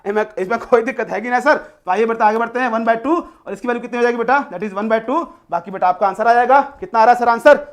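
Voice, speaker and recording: A man with a very high-pitched voice teaches a live online class, talking quickly with hardly any pauses. As an online tutor, he is coaxing and repetitive, freely mixing English phrases into his explanations and calling students "beta."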